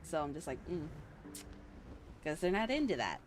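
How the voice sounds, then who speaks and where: Low-pitched woman chatting casually while gaming. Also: wildly swooping pitch, fast talker, a little hiss or hum. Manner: informal, frank advice-giving. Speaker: game streamer. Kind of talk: casual chat over a game. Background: faint game music.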